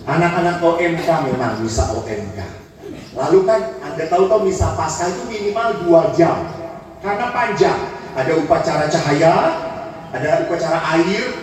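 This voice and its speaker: An Indonesian priest in his 50s, with a high male voice, preaches a humorous sermon full of lively acted-out quotes. He is in a large church, and the recording is echoey, distant, with faint noise.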